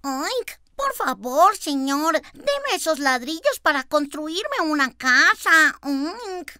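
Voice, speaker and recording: A tiny piglet with a piercing, squeaky voice, oinking between words. The sound is bright and sharp, the delivery drawn out, recorded close and dry like a storybook reading. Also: male voice, big pitch swings, takes it slowly, no room sound, heavily acted. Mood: pleading, defiant. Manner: squeaky, oinks between lines. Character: small plucky young piglet, high and squeaky.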